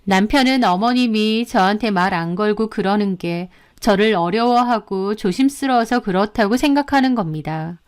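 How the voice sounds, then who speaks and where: A woman's voice: medium pitch, moderate pace, few pauses, clean tone. A woman narrating a first-person family story in a plaintive, restrained way.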